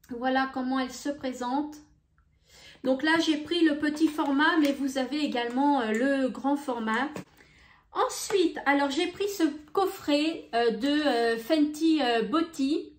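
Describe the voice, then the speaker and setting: A woman showing beauty products in a casual vlog, talking in an unhurried, hesitant way with many fillers. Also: sits high, roomy sound. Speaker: beauty vlogger. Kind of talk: casual haul video.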